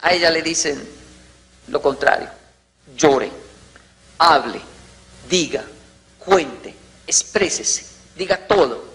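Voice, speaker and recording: Brief: bright-toned male motivational speaker, lively storyteller who acts out scenes. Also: a little high, slow pace, pauses often. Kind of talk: motivational talk.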